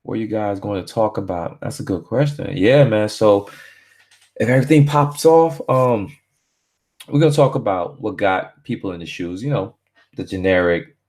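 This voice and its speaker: Laid-back guy from barbados rambling on a home live stream, real low voice, lots of slang n filler. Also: moderate pace, darkish tone.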